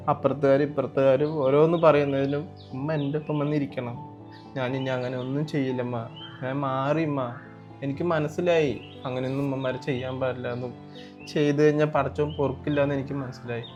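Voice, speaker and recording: A man's voice: medium pitch, lo-fi sound, close to an everyday voice. Guy acting as a crying guilty son begging his mom, music in the background. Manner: pleading, tearful, repeats himself. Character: remorseful grown son who threw out his mother. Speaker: actor in a family web series. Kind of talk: melodramatic web series acting.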